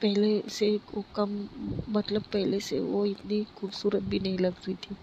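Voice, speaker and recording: A woman's voice: medium pitch, level tone, unhurried. A woman tells a love story in an easygoing, chatty way and reads out what each character says. Her voice stays level with little rise and fall. The recording sounds a bit dull and lo-fi, with a faint hiss behind her. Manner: loose conversational telling, voices the characters' lines in quotes. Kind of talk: casual spoken retelling of a love story.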